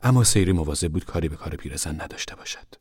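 A man reads a novel aloud in a soft, hushed, measured way. His voice is very deep and husky, and the recording is dry and close, with no room sound at all. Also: animated, dry recording. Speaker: narrator. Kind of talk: audiobook narration of a novel.

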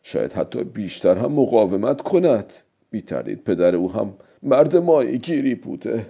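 A man's voice: on the low side, big pitch swings, vocal fry, slightly rough, full character voice. A man voicing a weary, stubborn old male fisherman who talks to himself in a strained, pleading way, on a dull lo-fi recording. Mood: weary, musing.

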